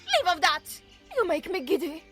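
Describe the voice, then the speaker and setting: A woman's voice: very high voice, big pitch swings, moderate pace, over music. Shrieking, imperious Queen of Hearts. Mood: screaming fury. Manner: imperious, barking commands. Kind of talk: theatrical audiobook character acting.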